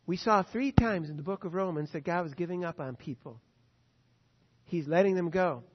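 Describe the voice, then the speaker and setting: Male pastor, high voice, emphatic sermon delivery; dull recording, long church-hall echo. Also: normal speed, a little hiss or hum. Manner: emphatic preaching, swings between loud stresses and quiet asides.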